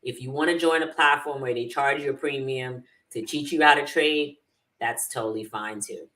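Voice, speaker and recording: A woman talks as an interview guest in a low, bright voice. She is animated, laughs easily and slips into Jamaican phrasing now and then. She sits a little away from the microphone. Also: normal speed, recorded from a distance, rough recording. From Jamaica, raised in New York. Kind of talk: casual interview chat.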